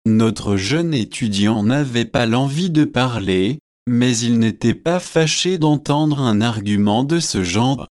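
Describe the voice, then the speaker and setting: Male audiobook narrator, unhurried, measured literary reading. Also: medium pitch, animated, darkish tone, no room sound, studio quality. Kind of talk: scripted narration.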